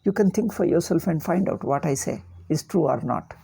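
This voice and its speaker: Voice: mid-range voice, lively intonation, moderate pace, gravelly, dark tone, slightly rough. An older spiritual teacher with a South Indian accent gives an informal religious discourse, repeating words and phrases for emphasis.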